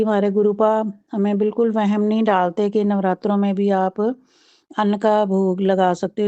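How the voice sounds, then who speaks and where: A woman leads a devotional talk and mantra chant in a steady, flat monotone. Her voice is dark and mellow, and it sits in a dry, dull lo-fi recording. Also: medium pitch, dry recording. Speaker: devotee leading a prayer chant.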